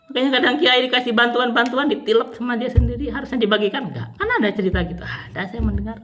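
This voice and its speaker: A man from West Java with a Sundanese accent, teaching religion in a casual, rambling way, jumping from high exclaims to low mutters. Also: steady tone, fast, a bit bright, faint music behind. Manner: rambling, repetitive, pitch swings between high outbursts and low mutters. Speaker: Islamic teacher.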